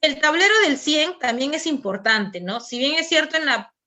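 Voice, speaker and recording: A woman's voice: high-pitched, expressive, moderate pace, sharp tone. A woman from Peru with a Peruvian Spanish accent, giving a conversational teacher training talk, full of fillers and tag questions.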